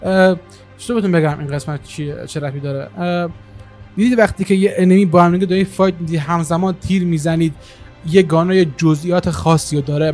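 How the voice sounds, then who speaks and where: A man hosting a gaming channel, talking casually at his computer through a game-settings tutorial, with many hesitations. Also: fairly high pitch. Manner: relaxed, many filler hesitations. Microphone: single desktop microphone.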